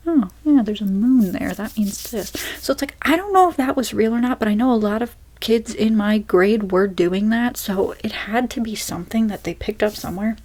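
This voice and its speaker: A young woman, an ASMR creator, talking softly and rambling through a Q&A with many fillers and restarts. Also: a little high, brisk, few pauses. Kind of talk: soft-spoken rambling Q&A.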